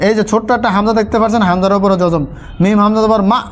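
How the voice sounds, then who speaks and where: A man teaching a Quran spelling lesson, chanting letters and syllables slowly and repeating them in a steady drill. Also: high-pitched. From Bangladesh.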